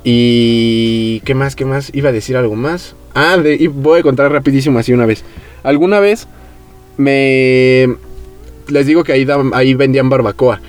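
Young mexican guy on a podcast, laid back storytelling, mid pitch, mimics people he quotes. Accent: Mexican Spanish. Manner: relaxed, slangy, acts out quoted voices. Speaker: podcast host. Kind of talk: casual storytelling chat.

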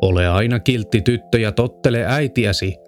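A man voicing a polite but wicked big gray wolf in a storybook reading, talking in a falsely sweet, smooth way. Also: lowish voice, soft background music, natural voice.

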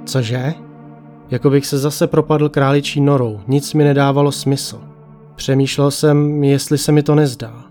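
A man narrating a ghost story in the first person, calm and measured. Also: medium pitch. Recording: faint music behind.

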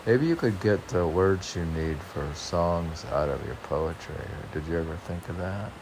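A poet with a low voice reads his own short poems at a normal speed, rambling wryly and answering himself with casual commentary. There's noticeable background noise in the recording.

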